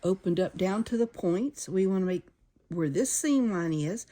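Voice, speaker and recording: Explaining every step of a hands-on sewing lesson, this instructor speaks in an expressive mid-range voice at a moderate pace. The background is full of sewing machine whirring and clicks.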